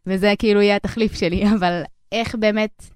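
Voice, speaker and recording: A woman's voice: medium pitch, steady tone, a little hiss or hum. A young woman with an Israeli accent, interviewing in a casual, conversational way. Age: young adult.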